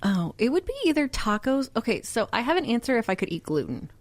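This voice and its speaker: A woman's voice: fairly high pitch, sing-song, fast, dry recording. Brief: young female co-host, casual and giggly, dry studio sound. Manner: giggly, lots of "like" fillers. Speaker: podcast co-host. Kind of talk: casual chat. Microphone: podcast microphone.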